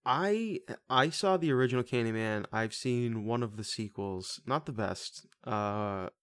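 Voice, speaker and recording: A man hosts a casual movie podcast, clowning around with goofy, animated outbursts. His voice sits at an ordinary pitch and is recorded close and dry on a podcast mic, with almost no room sound. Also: a little slow, no room sound. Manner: goofy, joking, animated bursts. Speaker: podcast host.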